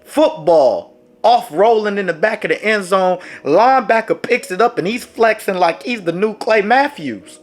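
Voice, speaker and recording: A storyteller vlogger with a high-pitched voice speaks at normal speed, recounting a dramatic sports tale straight to his audience. He's animated and dramatic, with faint background music underneath.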